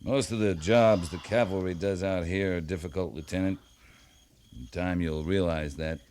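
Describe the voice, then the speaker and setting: A seasoned frontier cavalry captain, played by a man with a low voice. He is terse and matter-of-fact, speaking with plain authority in the manner of an old radio western. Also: fairly even intonation, moderate pace, darkish tone, slight background noise, close to an everyday voice.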